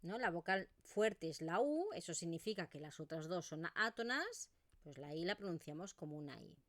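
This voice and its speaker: A woman's voice: fairly low pitch, expressive, moderate pace, a bit bright, no echo. A woman with an Eastern Catalan accent teaching pronunciation in an online video lesson, modelling vowel sounds as she explains.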